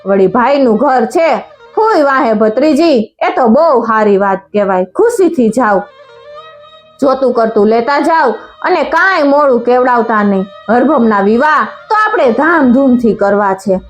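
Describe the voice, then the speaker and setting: A woman's voice: a little high, expressive, measured pace. A woman storyteller voicing a generous, devoted older village patron man, with an earnest, pleading tone. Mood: warm, generous. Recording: faint music underneath.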